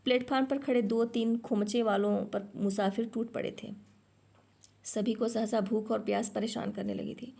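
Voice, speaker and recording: A woman reading a short story aloud in a measured, steady way. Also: medium pitch, creaky.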